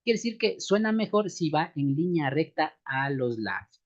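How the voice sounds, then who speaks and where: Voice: medium pitch, expressive, moderate pace, lo-fi sound. A seminary instructor lecturing a church class on microphone technique, often ending phrases with questioning asides and calling listeners beloved brothers and sisters. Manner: frequent questioning tag asides to students.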